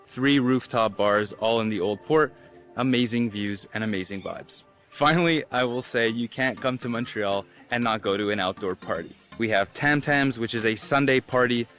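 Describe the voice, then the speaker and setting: A man's voice: medium pitch, fairly bright tone. Man presenting an upbeat travel guide over music. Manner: enthusiastic, informal. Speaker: travel vlogger. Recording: music behind the voice.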